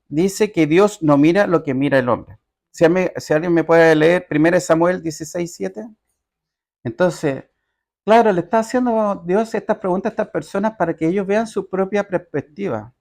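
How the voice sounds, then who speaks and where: High-voiced man preaching conversationally. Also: vocal fry, darkish tone. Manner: keeps checking in with the congregation; reads scripture aloud with slow emphasis. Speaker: pastor. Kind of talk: conversational sermon. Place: church.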